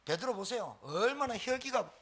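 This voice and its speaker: A man pastor preaches at an evening prayer meeting in a high, very lively voice. He tells the story in colloquial terms and hammers each point with emphatic repetition, his pitch swinging widely. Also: normal speed. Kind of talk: sermon at a Friday prayer meeting.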